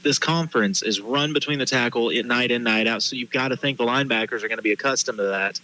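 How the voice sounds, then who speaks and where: A man calling play-by-play in live high school football commentary. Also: fast, sharp tone, poor audio. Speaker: play-by-play announcer.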